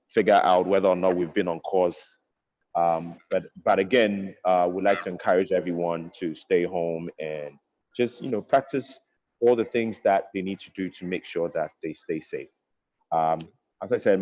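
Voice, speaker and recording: A man with a very deep voice introduces himself on a video panel, pausing often on um and uh. The audio is dull and lo-fi. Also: a little mellow. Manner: hesitant, many fillers. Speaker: clothing brand founder. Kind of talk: online panel talk. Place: in Ghana.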